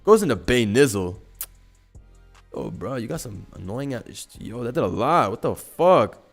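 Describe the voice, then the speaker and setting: A young man streaming live gameplay commentary, excitable and profane, full of slang, swinging from low mumbles to loud yelling. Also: a little slow, vocal fry, soft background music. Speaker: gaming streamer.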